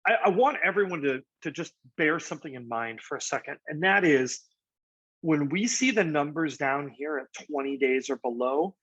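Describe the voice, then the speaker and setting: A man's voice: a little high, animated, normal speed, fairly bright tone, breathy edge, dry recording. A man, a real estate agent casually explaining market charts, with frequent fillers and "right?" asides. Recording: dry, slightly dull lo-fi audio.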